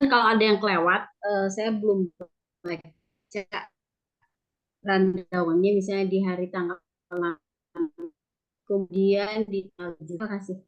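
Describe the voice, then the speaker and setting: A woman's voice: mid-range voice, steady tone, normal speed, pauses often, highs cut off. Woman's voice breaking up on bad internet. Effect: voice breaking up over a bad internet connection. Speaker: training participant asking a question. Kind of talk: casual online meeting talk.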